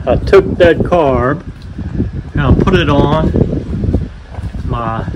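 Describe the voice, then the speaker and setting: A man's voice: fairly high pitch, heavy background noise. A man, a vintage outboard motor mechanic, narrating his repair work in a folksy, matter-of-fact way and calling the motor "her". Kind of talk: casual repair vlog narration. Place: workshop and outdoors by the water.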